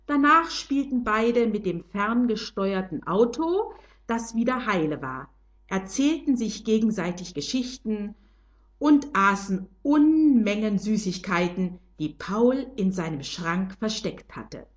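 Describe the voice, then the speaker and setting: An older woman slowly and gently narrating a children's storybook. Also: mid-range voice, big pitch swings, highs cut off.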